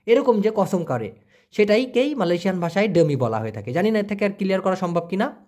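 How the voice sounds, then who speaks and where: A man's voice: high voice, lively intonation, fast, a little mellow. Guy teaching words, chatty and repetitive, voice goes up and down a lot. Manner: explains each word with everyday examples, repeats terms; colloquial, chatty. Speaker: language teacher. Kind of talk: casual vocabulary lesson.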